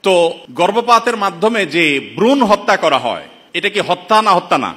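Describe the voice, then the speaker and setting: A Bangladeshi man preaches with indignant rhetorical questions, his voice high and bright with a sharp edge. He keeps calling out to his listeners as brothers, and a long reverberation trails each phrase as if in a big hall. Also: very animated, fairly quick. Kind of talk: impassioned sermon-style commentary.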